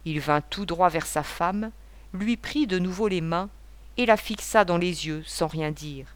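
A woman narrating a novel as an audiobook, in a measured literary reading. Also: on the low side. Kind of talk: scripted narration.

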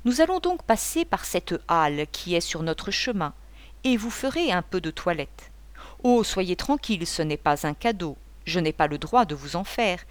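A woman's voice: lowish voice, very animated, moderate pace. A woman voicing a boisterous, talkative male painter who rambles and gives orders in a mocking tone. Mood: chattering, bossy.

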